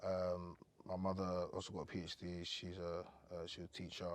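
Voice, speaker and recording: A young man from Cameroon, talking as a podcast guest in relaxed, rambling chat with plenty of fillers. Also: deep voice, normal speed. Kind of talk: casual interview chat.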